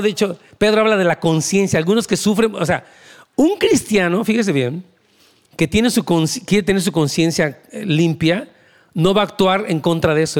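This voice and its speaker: A man, preaching a conversational, emphatic sermon as pastor, with asides to the congregation. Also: sits high.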